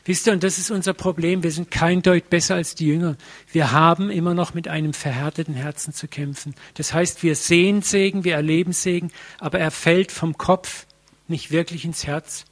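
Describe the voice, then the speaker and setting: A male preacher with a somewhat high-pitched voice delivers a sermon. He talks in a casual, lively way, tells stories with everyday slang, and keeps turning straight to his listeners with questions. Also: moderate pace. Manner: colloquial and lively, addressing the congregation directly; vivid storytelling with everyday slang.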